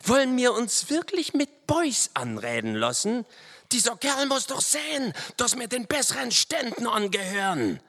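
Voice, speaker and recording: A man's voice: very high voice, very animated, normal speed, pushed and bright, pitched above the performer's own voice, exaggerated voice. A man doing a grumbling, pompous frontiersman. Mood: indignant. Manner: grumbling, self-important. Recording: long hall reverb.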